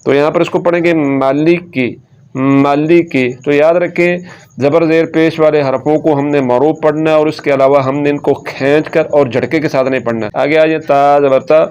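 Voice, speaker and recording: A man teaching Quran reading, patiently explaining and slowly sounding out syllables one by one. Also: a little high, steady tone, a little mellow, clean tone. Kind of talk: recitation lesson. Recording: muffled lo-fi sound.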